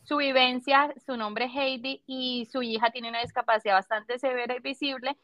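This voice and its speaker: A woman host talks in an earnest, supportive way in a casual chat. Her voice is slightly high. The recording is dry and close. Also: steady tone, moderate pace, a bit bright, dry recording.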